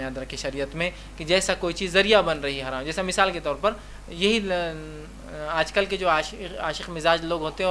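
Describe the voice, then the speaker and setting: An Islamic preacher with a high, pushed, bright voice gives an emphatic religious lecture, with a little hiss or hum in the audio. He keeps repeating "remember" and acts out short dialogues in his examples.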